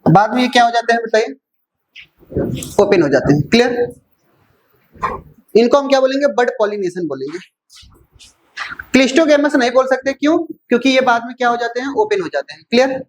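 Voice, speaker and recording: Teacher who keeps checking "clear?". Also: mid-range voice, expressive, a little hiss or hum, low-quality recording. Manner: keeps asking "clear?" and answering own questions; repeats key points slowly. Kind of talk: classroom lecture mixing Hindi and English terms.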